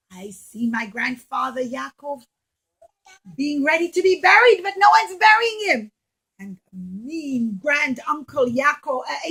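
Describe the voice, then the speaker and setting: A woman tells young children a religious story with lots of expression, voicing the characters' lines and asking her audience questions, like a puppet show lesson. Her voice sits high, and the recording is rough.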